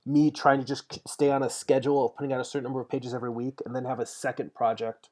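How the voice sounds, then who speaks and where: A man's voice: medium pitch, little pitch movement, fast talker, a little mellow. A man in his forties chatting casually as he paints on a livestream, thinking aloud and answering viewer comments. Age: 40s. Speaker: digital painter streaming his work.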